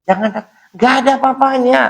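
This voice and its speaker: A man voicing a gentle mother who soothes her frightened little son with repeated coaxing reassurances. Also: very high voice, fast talker, vocal fry, voice pushed up. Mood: soothing.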